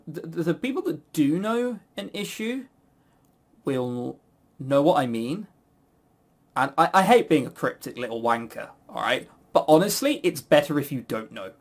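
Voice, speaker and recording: A British man hosts a casual podcast of opinionated chat, rambling bluntly and swearing, with frequent stammered false starts. His voice is medium-pitched and a little mellow.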